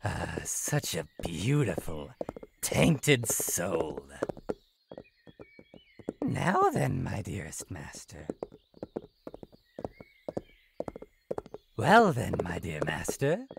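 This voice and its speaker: Theatrical, wildly swooping demon jester. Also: female voice, a bass voice, huge pitch swings, drawn-out words, gravelly, background noise, heavily acted. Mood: seductive, menacing. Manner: theatrical, teasing, swinging from singsong chirps to sinister purrs. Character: playful, flirty demon jester, sweetly menacing and possessive. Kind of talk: visual novel horror game character acting.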